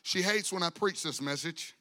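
Bright-voiced preacher in a reverberant hall. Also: male voice, on the high side, moderate pace. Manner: animated, acts out voices in his story. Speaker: pastor. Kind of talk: storytelling sermon. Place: church sanctuary.

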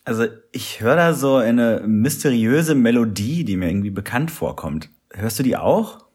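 A man's voice: medium pitch, expressive, normal speed, darkish tone, slightly rough. A man co-hosting a podcast in casual chat. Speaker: podcast co-host.

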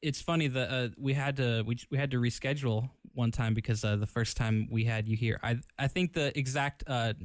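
A man hosting a casual radio interview in a studio, chatty and relaxed, full of fillers and easy laughs. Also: medium pitch, brisk, hardly any pauses, no room sound. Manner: laid-back, chatty, filler-heavy, laughs easily. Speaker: radio DJ and host. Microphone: studio microphone.

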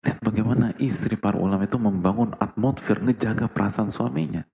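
Male preacher, low and gravelly, sermon delivery with hushed asides and loud peaks. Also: fast. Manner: rhetorical questions to the audience, swings between soft and loud. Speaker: Islamic preacher.

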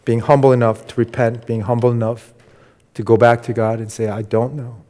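A man preaching a sermon in a halting, conversational way, with many fillers and restarts, raising his voice when he quotes. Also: mid-range voice, little pitch movement, dark tone. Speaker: pastor. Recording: long hall reverb.

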